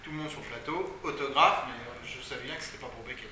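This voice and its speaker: A man telling a casual anecdote in a lively way, with laughing asides. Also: mid-range voice, fast, crowd noise. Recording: echoey distant room with noise.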